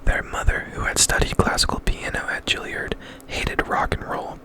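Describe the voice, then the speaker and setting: A man reading a novel aloud as ASMR in a breathy, intimate whisper, very close, as if right in the listener's ear. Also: moderate pace.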